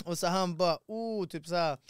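A man's voice: high-pitched, background noise. A Swedish man in his twenties, a podcast guest telling a travel story in casual chat and acting out the voices of the people he met. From Sweden. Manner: animated storyteller, acts out quoted voices.

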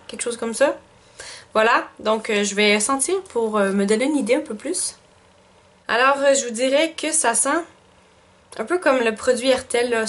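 A woman with a Quebec French accent chatting casually through a beauty box unboxing, thinking aloud with lots of fillers. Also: a little high. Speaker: beauty vlogger.

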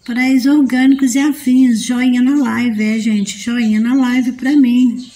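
A woman's voice: a little high, fairly even intonation, a little slow, dark tone. A woman with a Brazilian Portuguese accent hosting a casual live stream from home, chatting with viewers and reading their comments aloud. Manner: chatty and homely, talks straight to viewers as friends. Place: at home near her potted plants. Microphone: phone streaming live.

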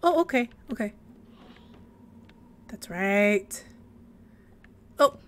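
A woman's voice: mid-range voice, animated, extremely slow. A young woman giving casual gameplay commentary, talking to the game characters in a jumpy, giggly way. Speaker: let's play gamer.

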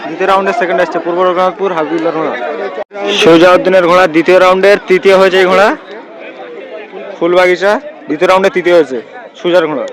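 A man gives live commentary like a race caller, repeating phrases and addressing viewers as friends, outdoors on a field. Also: high-pitched. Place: outdoors at a crowded village racing field. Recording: noisy outdoor field with loud crowd.

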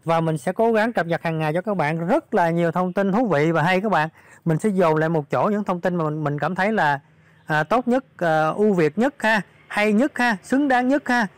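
A slightly hoarse man, talking viewers through updates in a casual, filler-heavy vlog. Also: sits high, moderate pace, dry recording. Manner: chatty, many fillers, addresses viewers directly. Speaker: crypto channel host. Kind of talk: casual screen walkthrough vlog.

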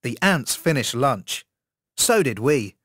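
A man reads a textbook story aloud in scripted narration, slowly and with care. His intonation rises and falls in a lively way. The recording is dry and close, with no room sound. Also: mid-range voice, dry recording. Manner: slow, careful reading with lively intonation. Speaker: English course narrator.

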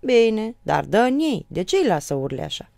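A woman's voice: medium pitch, big pitch swings, gravelly, warm tone, no room sound, studio quality, pitched above the performer's own voice. A woman voicing a shrewd middle-aged peasant man who exclaims insistently. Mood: exasperated.

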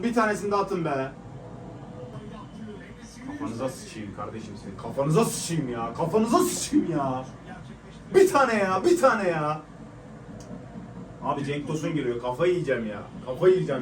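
A young man giving live reaction commentary on a match, frustrated and swearing as he shouts at the players. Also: a little high, lively intonation, brisk, noisy background. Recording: echoey room, mic at a distance.

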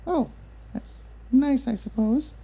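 A woman's voice: high-pitched, slow pace, dark tone, husky, heavily acted. A woman voicing a coy ghoul scream queen who politely questions her dates in a comedy animation. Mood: underwhelmed.

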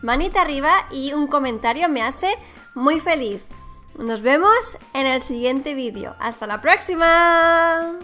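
A high-pitched woman chats playfully through her gameplay, her voice bright and lively. Faint music plays under her talk. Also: measured pace. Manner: chatty, playful, exclamatory. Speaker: gaming YouTuber. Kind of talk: casual gameplay commentary.

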